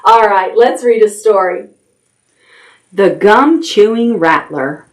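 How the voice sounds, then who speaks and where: A library storytime host leads children's storytime with action songs and read-aloud, speaking to young listeners simply and directly. Her medium-pitched voice is slow with lively intonation, and she reads expressively.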